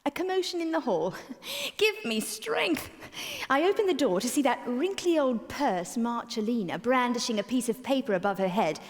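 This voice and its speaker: A woman's voice: fairly high pitch, sing-song, normal speed. A woman narrating as Susanna in a staged concert, playful and comic, with asides to the audience. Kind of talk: theatrical first-person narration as Susanna. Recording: concert hall with long reverb.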